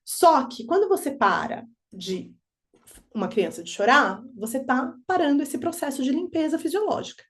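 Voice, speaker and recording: A woman giving a talk to parents on children's emotions, animated, acting out children and parents in quick high voices. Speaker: parenting educator. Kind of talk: lecture to parents.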